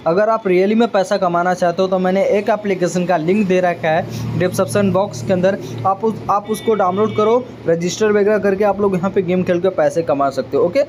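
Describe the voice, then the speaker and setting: High-pitched guy doing a chill app walkthrough, keeps going "ok bro" to viewers, a bit of faint background hum. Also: steady tone, brisk, darkish tone. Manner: chatty, keeps checking in with viewers and calls them brother. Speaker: tech YouTuber. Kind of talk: casual screen-recording app walkthrough.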